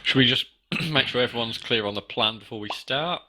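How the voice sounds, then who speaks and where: A man's voice: mid-range voice, a little fast, sharp tone. A man playing a tabletop game, talking through plans casually with the group. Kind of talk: casual game planning talk.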